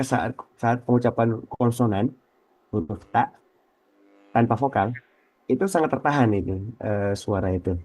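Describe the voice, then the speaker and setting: A man with an Indonesian accent teaching Quran recitation on a radio program, explaining patiently and repeating letter sounds slowly as examples. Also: mid-range voice, darkish tone, dry recording. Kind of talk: radio tajwid lesson. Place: radio studio.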